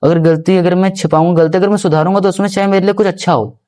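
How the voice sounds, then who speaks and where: A young man speaks as a podcast guest, his voice pitched slightly high yet soft and mellow in tone. He tells his story earnestly, circling back and repeating himself. He turns often to address the host with respect. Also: fairly even intonation, fast. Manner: rambling, with restarts and repeated phrases. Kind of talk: casual first-person storytelling.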